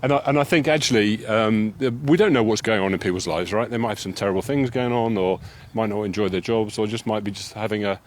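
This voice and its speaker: Fast-talking upbeat man on a walk. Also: fairly low pitch, a little hiss or hum. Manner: chatty storyteller, upbeat. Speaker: podcast co-host. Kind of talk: casual walking conversation. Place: outdoors on a walk.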